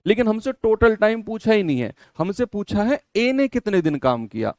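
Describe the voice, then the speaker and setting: A man teaching an online exam-prep maths lesson, explaining each step and repeating key phrases while gently scolding his students. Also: sits high, big pitch swings, normal speed, dry recording, studio quality.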